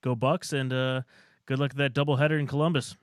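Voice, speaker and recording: A man's voice: medium pitch, level tone, fast talker, clean tone, dry recording, studio quality. A man co-hosting a sports radio show, upbeat and hyping up his guest in casual chat.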